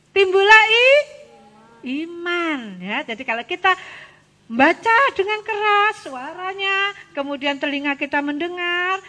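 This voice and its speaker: A woman gives an animated, coaxing children's sermon as a Sunday school teacher. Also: sits high. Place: church hall. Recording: church hall reverb.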